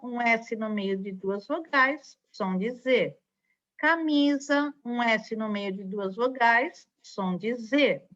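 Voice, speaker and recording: A woman's voice: a little high, fairly bright tone. A woman with a Brazilian Portuguese accent teaching a recorded online lesson to young children, patient and spelling out syllables. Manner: patient, spells out syllables, frequent tag questions. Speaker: primary school teacher. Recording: dull lo-fi recording.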